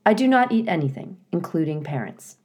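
Woman as a female storybook robot, earnest, polite, literal-minded, formal, measured phrasing. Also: lowish voice, sing-song, lo-fi sound. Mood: matter-of-fact. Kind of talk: children's storybook character reading.

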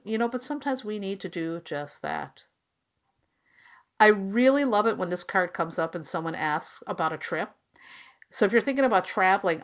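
A woman speaks as the host of a tarot podcast, with a mid-pitched voice. She explains things conversationally in informal, everyday phrasing, addressing the listener directly with advice. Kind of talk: casual, conversational explainer monologue.

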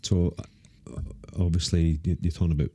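A man's voice: low voice, little pitch movement, normal speed, warm tone. A man conducting a conversational interview, asking questions as the interviewer.

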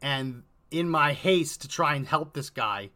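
Texas guy hosting a podcast, bright forward voice, kinda high, rambly storytelling. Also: expressive, measured pace. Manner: rambling, many fillers and restarts. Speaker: podcast host. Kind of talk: casual storytelling.

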